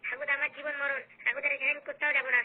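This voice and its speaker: A woman's voice: high voice, flat delivery, very fast, lightly acted. A woman voicing a stubborn, hot-tempered husband who scolds his wife in a comedy skit. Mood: blustering. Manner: scolding, blustering. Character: hot-tempered husband Phuto, young adult man, stubborn. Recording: phone-like narrow sound.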